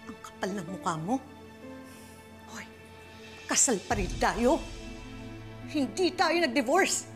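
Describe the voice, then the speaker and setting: An actress playing a scheming, defiant, hot-tempered wife in a heightened TV melodrama, with a Filipino accent. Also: female voice, on the high side, big pitch swings, slow pace, pauses often. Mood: menacing, demanding. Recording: dramatic music behind dialogue.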